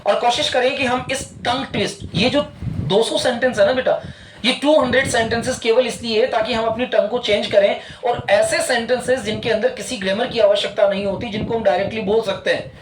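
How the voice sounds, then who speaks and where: A man teaching an English lesson in a classroom, quizzing his students with repeated questions and slowly drawing out English phrases. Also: very high voice, fairly even intonation. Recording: echoey room with loud background noise.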